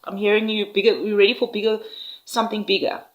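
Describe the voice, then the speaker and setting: A woman gives an intuitive tarot reading to viewers, speaking unhurriedly and reassuringly with frequent "all right?" check-ins. Her voice is medium-pitched and flat in delivery, and the recording has its highs cut off.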